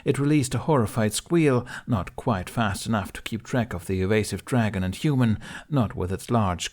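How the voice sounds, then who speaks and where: Dramatic and scripted, a man's storytelling narration carries an adventure audiobook. His voice is fairly low with a darkish tone.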